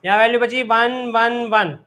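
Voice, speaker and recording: A man's voice: very high-pitched, fairly even intonation, normal speed, sharp tone. A man teaching a live online maths class, often checking that his students follow and urging them to keep studying.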